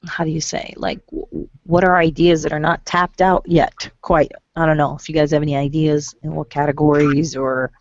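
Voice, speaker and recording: A woman joins a casual online round-table and asks her question haltingly. Her voice has a gravelly fry, and it comes through a dry, dull call line. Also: sits low, level tone, no room sound. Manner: hesitant, searching for words. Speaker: guest in discussion. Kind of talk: casual group discussion.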